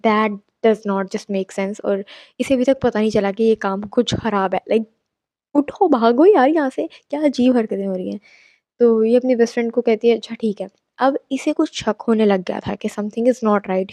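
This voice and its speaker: A woman's voice: mid-range voice, warm tone, dry recording. A young woman casually telling a horror story, chatty and mixing in English asides. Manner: chatty, mixes English asides, exclaims at the listener.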